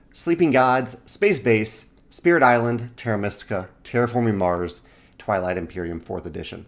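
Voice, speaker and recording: A man in his forties who hosts a board game channel, talking casually and correcting himself as he rambles through lists of titles. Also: mid-range voice. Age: 40s. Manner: rambling, self-correcting, listing titles in quick bursts. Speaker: game designer and channel host. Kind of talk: casual video monologue.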